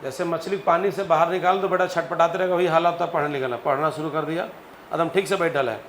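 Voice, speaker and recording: A man teaching physics in a lively classroom lecture, calling on students to answer aloud and acting out stories. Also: a little high, brisk. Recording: echoey classroom with faint noise.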